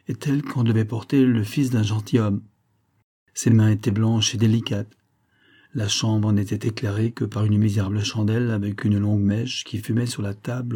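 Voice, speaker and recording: Low, dark, husky male narrator. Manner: steady, measured reading. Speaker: audiobook narrator. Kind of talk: scripted narration of a classic novel.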